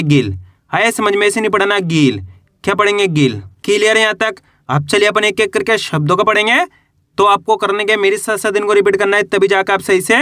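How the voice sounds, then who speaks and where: Male teacher, higher register, dry close recording; patient, repetitive, asks and answers his own questions. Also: fairly bright tone, no echo. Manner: patient and repetitive, asks questions then answers them, stretches example syllables. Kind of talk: Hindi reading lesson for beginners.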